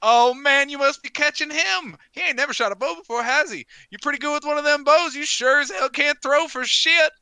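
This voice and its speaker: A man's voice: extremely high pitch, fairly quick, hardly any pauses, sharp tone, no room sound, pitched above the performer's own voice, exaggerated voice. A man voicing a taunting carnival game attendant who mocks players in folksy slang. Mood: mocking.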